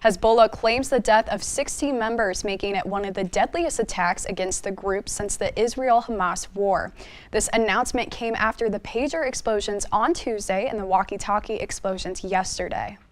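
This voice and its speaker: A woman anchoring a student newscast, reading news in a steady, formal way. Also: mid-range voice, moderate pace.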